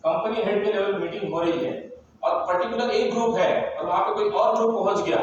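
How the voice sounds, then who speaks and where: A man's voice: high voice, brisk, dull audio. A man leading an interactive sales training seminar, talking emphatically and firing questions at his audience. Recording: echoey hall, voice from far off, faint noise.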